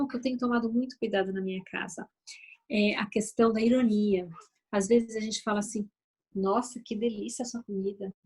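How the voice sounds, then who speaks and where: Brazilian lady talking at an event, chatty, acting out little example lines, kinda high voice. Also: a little mellow. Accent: Brazilian Portuguese. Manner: conversational, often adds "né?", acts out sample phrases. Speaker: speaker on family communication. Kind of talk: live talk to an audience. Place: event venue.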